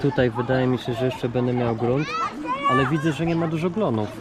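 A man's voice: mid-range voice, fairly even intonation, fairly quick, over a noisy crowd. A man vlogging in a casual, chatty way, thinking aloud as he shows what he finds. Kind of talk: casual vlog narration.

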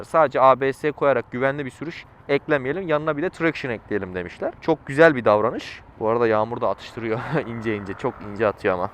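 Casting: male motovlogger, rapid casual chatter, slightly high pitch, recorded inside a helmet on the road. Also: a bit bright. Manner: chatty, slangy, thinking aloud. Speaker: motorcycle reviewer and vlogger. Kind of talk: casual motovlog commentary while riding. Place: outdoors, riding a motorcycle on the road. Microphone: microphone inside a helmet. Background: engine and outdoor traffic noise.

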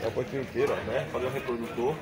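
A man's voice: medium pitch, steady tone, very fast. Chatty man filming a market. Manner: chatty, keeps addressing viewers and sellers. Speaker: vlogger touring a market. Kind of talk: casual walk-and-talk vlog. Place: outdoor animal market. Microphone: handheld phone camera. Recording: loud crowd at outdoor market.

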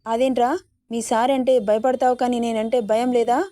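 Woman doing a stern old grandmother, storybook reading, slightly high voice, flat even melody, dry close sound. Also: normal speed, dry recording, close to an everyday voice. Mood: commanding. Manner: commanding, then soothing. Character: stern but tender wealthy old grandmother.

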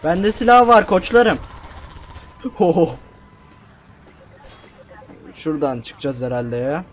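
In a casual let's-play, a young male streamer mocks himself as he plays, repeating words whenever he panics. He speaks in a voice on the high side, with a bit of hiss or hum.

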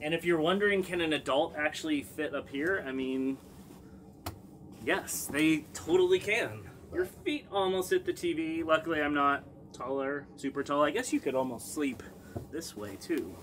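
Bright, joking man showing off bunk beds. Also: fairly high pitch, animated, moderate pace, slight background noise. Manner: upbeat and joking. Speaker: travel companion. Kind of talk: casual demo chat. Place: small indoor cruise ship cabin.

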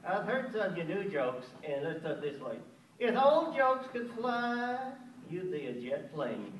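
A man's voice: high voice, big pitch swings, a little slow, slight background noise, pitched above the performer's own voice. A man voicing a sassy, wisecracking male crow puppet with a folksy drawl, on a small theater stage. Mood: teasing. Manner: teasing, folksy drawl, cackling. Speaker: ventriloquist act. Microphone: stand mic from a far camera. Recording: echoey room from far off.

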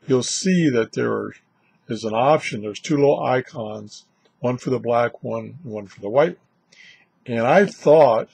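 This is an older man's gravelly, medium-pitched voice, darkish and a touch breathy, recorded without echo. He's indoors in a small, cluttered radio room, chatting off the cuff and rambling as he hosts a product vlog on shortwave radios.

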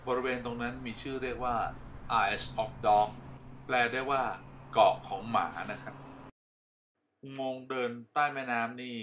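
A man's voice: on the low side, bright, forceful tone, a little hiss or hum. A man reading a scripted voice-over that explains facts in a polite, lecturing way. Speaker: travel narrator.

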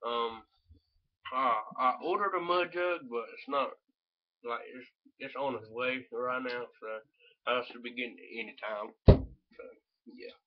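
A dull, lo-fi home recording of a young man with a Southern US accent. He speaks at a middle pitch in a casual, rambling way. He is blunt and swears freely, as if talking to viewers from his room. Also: measured pace. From North Carolina, United States. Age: young adult. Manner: blunt, laid-back, heavy swearing. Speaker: vlogger reviewing chewing tobacco. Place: small room at home, indoors. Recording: dull lo-fi webcam audio.

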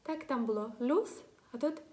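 Patient woman teaching, slightly high voice. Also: a little mellow. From Ukraine. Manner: patient, repeats each example word slowly. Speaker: language teacher. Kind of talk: spoken lesson.

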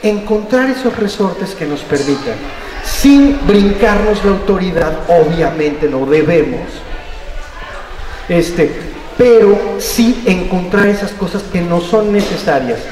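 A man's voice: high-pitched, animated, takes it slowly, darkish tone. An older man with a Mexican accent, giving a playful, joking talk to trainee teachers at a school. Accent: Mexican Spanish. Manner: playful, jokes with the audience, acts out voices. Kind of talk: lively talk with audience. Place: school auditorium. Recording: roomy hall, distant mic, faint noise.

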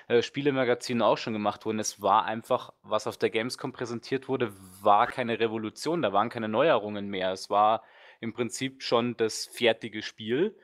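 A man's voice: medium pitch, a bit bright. A man, a guest let's player, chatting casually and rambling with lots of fillers and strong opinions. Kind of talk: casual podcast chat.

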